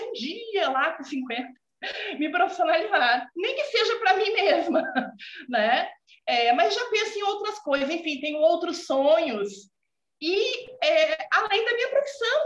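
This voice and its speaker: A Brazilian woman in her forties from southern Brazil, with a gaúcha Brazilian Portuguese accent, chats casually over a video call from a room at home as a student guest. Her high voice is warm and earnest, and she keeps ending sentences with a questioning filler "né". The laptop mic makes the call sound dull and echoey, with a little hiss or hum.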